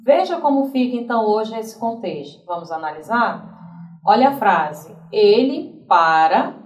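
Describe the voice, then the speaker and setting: A woman teacher with a Brazilian Portuguese accent explaining grammar rules, repeating examples slowly and checking in with the class. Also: a little high, a little mellow. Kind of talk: recorded grammar lesson. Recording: roomy, from a distance.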